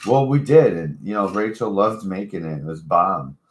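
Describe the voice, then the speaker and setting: A man with a very low voice chats loosely and profanely, spinning stories and acting out the other people in them. He sounds like he's in an echoey room. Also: animated, normal speed. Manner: laid-back, profane, storytelling with acted-out quotes. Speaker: co-host. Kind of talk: casual stoner chat.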